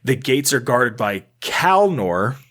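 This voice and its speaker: A man's voice: mid-range voice, sing-song, slow, fairly bright tone. Chatty American podcast host man. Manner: chatty, rambling, self-deprecating, reads aloud with asides. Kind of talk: casual podcast chat reading game lore.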